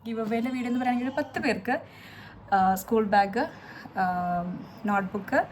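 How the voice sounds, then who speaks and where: A woman's voice: fairly high pitch, a little fast, slight background noise. A woman in her thirties chatting casually to camera at home as a family vlogger, rambling along with many hesitant filler sounds. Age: 30s.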